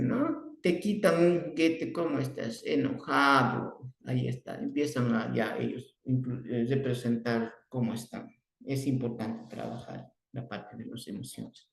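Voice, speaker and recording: A Bolivian man teaches a speech therapy class, circling back over his words as he goes. His voice sits at a middle pitch and carries a roomy echo. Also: vocal fry. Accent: Bolivian Spanish. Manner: repeats and restarts words, acts out children's emotions with sudden high exclamations. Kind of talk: online class lecture.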